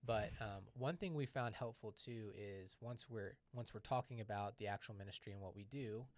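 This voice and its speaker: A man's voice: on the low side, normal speed, dry recording. A man co-hosting a ministry podcast in a loose, conversational way, with fillers and friendly asides. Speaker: podcast co-host. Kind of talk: casual podcast chat.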